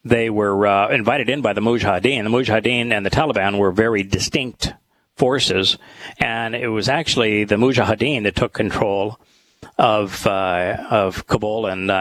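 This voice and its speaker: A man hosting a talk show with scripture study, speaking in a halting, thoughtful way with many pauses. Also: lowish voice, fairly bright tone, no room sound, low-quality recording. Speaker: host.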